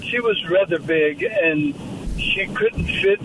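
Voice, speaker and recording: A male caller on the phone to a talk show, telling a slow, rambling story. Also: high-pitched, sing-song. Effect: over the phone. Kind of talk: call-in question and anecdote. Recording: distant noisy phone line.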